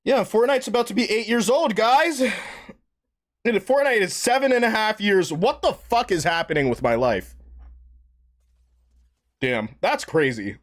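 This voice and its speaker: Speaking high-pitched and expressive, unhurried and with long pauses, this twenty-eight-year-old from New York is a bit tipsy on a gaming live stream. He rambles casually in slang, curses frequently, and keeps saying "bro."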